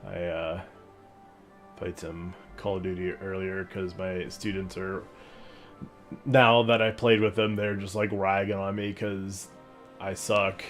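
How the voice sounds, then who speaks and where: A man's voice: deep voice, little pitch movement, takes it slowly, faint music behind. A young man chatting casually on a live game stream in slangy, profane, laid-back bro talk. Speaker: teacher. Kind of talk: casual live stream chat while gaming.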